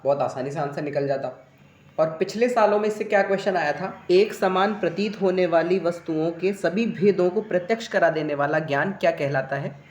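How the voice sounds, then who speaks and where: A man's voice: on the high side, roomy sound. A man teaching an exam answer-key lesson, chanting Sanskrit sutras in a recitation cadence and urging students in a coaxing teacher's tone. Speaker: yoga exam tutor.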